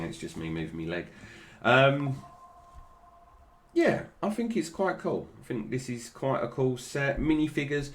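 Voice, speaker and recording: A British man giving casual, unscripted toy review commentary, with slightly slurred, toothless articulation that stumbles over names. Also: low voice.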